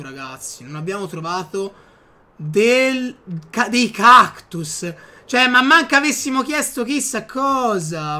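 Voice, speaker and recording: A man giving casual gameplay commentary, chatting to his viewers with excitable outbursts. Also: high-pitched. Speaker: gaming youtuber.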